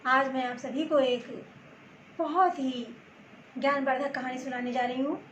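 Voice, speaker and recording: A woman telling a story to her channel's viewers in gentle, halting phrases, with roomy echo and faint background noise. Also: high-pitched, steady tone, muffled recording. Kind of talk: storytelling narration.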